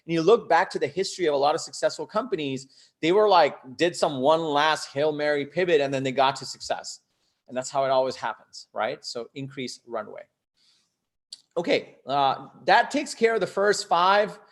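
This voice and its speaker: A man with a somewhat high voice hosts a live online coaching talk for startups, speaking at a moderate pace. He is conversational and emphatic, often checking in with rhetorical questions. He lived in Bangladesh until age ten and then moved to the US.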